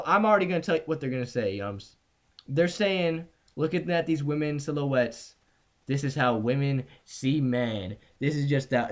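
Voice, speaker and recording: Young guy podcast host, cursing and ranting, reads a list out loud. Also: mid-range voice, creaky. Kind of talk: casual podcast banter.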